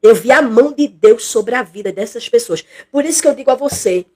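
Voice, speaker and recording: A woman's voice: on the high side, expressive, brisk, mellow. Woman teaching a Bible study. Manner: conversational, repeats phrases, acts out quoted people. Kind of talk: expository Bible study livestream.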